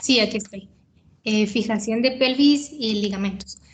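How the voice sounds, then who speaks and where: A woman student, slowly reading out a list of ligaments with small fillers. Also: a little high. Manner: slow, careful listing with fillers.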